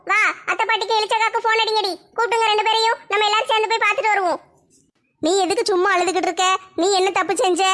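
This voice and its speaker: A woman, acting out a comic family skit in fast, chatty banter. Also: very high voice, fairly bright tone.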